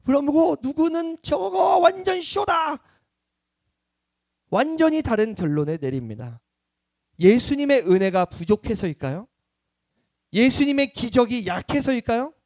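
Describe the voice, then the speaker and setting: Lively high-voiced pastor preaching. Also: male voice, moderate pace, dry recording, studio quality. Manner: lively, questioning the congregation, acting out quotes. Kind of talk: Sunday sermon.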